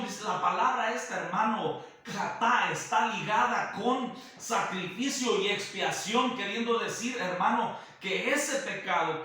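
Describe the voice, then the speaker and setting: A man preaching a sermon, speaking slowly and deliberately and often addressing his listener as brother. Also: sits high, sharp tone. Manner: slow and deliberate, repeatedly calling the listener brother. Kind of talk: sermon teaching. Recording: roomy echo, heard from a distance, faint music behind.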